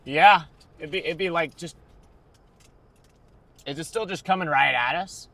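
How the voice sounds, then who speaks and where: An American man chats casually on a livestream while storm chasing, speaking from inside a vehicle. His voice is a little high and fairly bright, and he keeps a measured pace.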